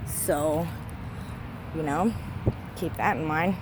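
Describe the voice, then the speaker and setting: A woman's voice: sits low, slow, background noise. A woman vlogging while walking through a cemetery, ranting heatedly and swearing a lot. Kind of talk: casual walking vlog. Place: outdoors in a cemetery.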